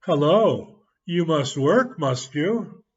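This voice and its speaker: A man reading a story aloud and voicing a teasing young boy in a raised, slow voice, on a muffled recording. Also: on the high side, animated, breathy edge, full character voice. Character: boy named Ben, teasing and cheeky.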